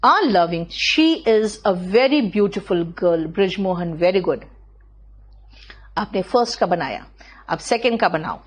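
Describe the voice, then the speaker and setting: A woman with an Indian accent teaching an English class online, reading students' sentences slowly and correcting them patiently, with fast asides in between. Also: mid-range voice, lively intonation, husky. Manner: slow, drawn-out reading of English sentences, quick in Hindi asides.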